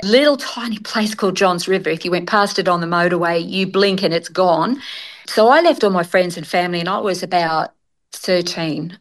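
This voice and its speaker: A woman's voice: lowish voice, moderate pace. A woman with an Australian accent, a guest telling her story in a frank, chatty way and laughing easily. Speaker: interview guest. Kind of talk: conversational storytelling.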